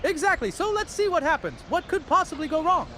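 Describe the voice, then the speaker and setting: An eager, reckless little alchemist in a fantasy comedy. The voice is extremely high and sharp, brimming with cheerful optimism, over faint background noise. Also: male voice, sing-song, fairly quick, heavily acted. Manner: eager, enthusiastic. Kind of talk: scripted fantasy comedy dialogue.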